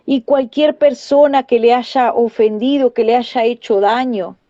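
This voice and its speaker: Woman preaching a testimony, high voice but mellow, keeps repeating herself, dull lo-fi audio. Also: fairly even intonation, a little slow, no echo. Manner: fervent, repeats phrases, addresses listeners as brethren. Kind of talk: emotional sermon testimony.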